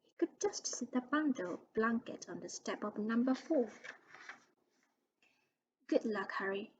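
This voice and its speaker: Soft-spoken woman reading a storybook. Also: a little high, expressive, normal speed, dull audio, a little hiss or hum. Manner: soft, often whispered, with small slips.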